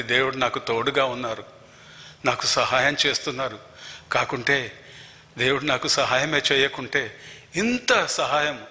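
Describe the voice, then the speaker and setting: Earnest older man, bright voice, echoing hall. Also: medium pitch. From Telangana, India. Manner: earnest, emphatic, repeats key phrases. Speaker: church member giving testimony. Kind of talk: church testimony. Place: prayer hall. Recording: long reverb of a prayer hall.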